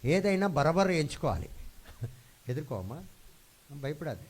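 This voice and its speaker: A man's voice: fairly high pitch, very animated, a little slow. A man preaching a sermon, dropping English phrases into his talk and calling out for responses from the congregation. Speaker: pastor. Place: church hall.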